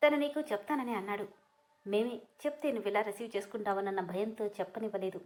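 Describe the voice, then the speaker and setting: A woman doing a gentle apologetic father. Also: mid-range voice, fast talker, natural voice. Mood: soothing. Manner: gentle, soothing. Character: older father, calm and apologetic.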